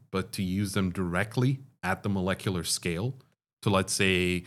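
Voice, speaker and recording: A man from Dubai, a chemical engineering professor, answering interview questions in a measured, explanatory way. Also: lowish voice. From Dubai, Middle East. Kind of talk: conversational interview.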